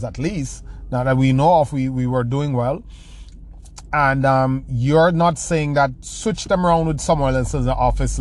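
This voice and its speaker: A motivational speaker from the Jamaican countryside responds to a question with stories, his mid-range voice a little mellow. He speaks with a Jamaican accent and tends to restart and repeat words frequently.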